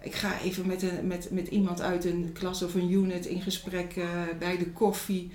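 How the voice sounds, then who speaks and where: A woman's voice: on the low side, monotone, moderate pace, a little mellow, slight background noise. Reflective woman in an echoey room. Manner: reflective, hesitant, with many fillers. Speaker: school director. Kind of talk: interview and reading aloud. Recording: echoey room, faint music.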